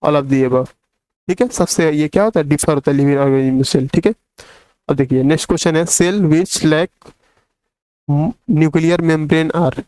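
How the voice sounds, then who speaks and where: A male teacher with a slightly high, clean, resonant voice talks through multiple-choice questions for students. He is recorded close up in a dry small room. He reads the English questions slowly and keeps saying "theek hai" to check that the class is following. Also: a little mellow, smooth, no room sound, rough recording. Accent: Hindi. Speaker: science teacher. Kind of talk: explaining quiz questions in a class video.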